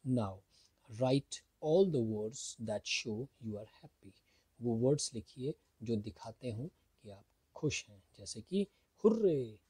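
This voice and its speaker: A man explains a school English lesson at an unhurried pace. His voice is husky and mellow, and the recording is dry and close. He asks his students questions and then answers them himself. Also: mid-range voice, no room sound. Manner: reads English lines slowly, then explains in Hindi. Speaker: English teacher. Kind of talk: explaining a school textbook chapter.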